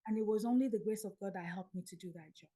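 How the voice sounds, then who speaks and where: A Nigerian woman in her fifties, a podcast guest telling her story in a lively way and acting out the dialogue. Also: medium pitch, quick pace.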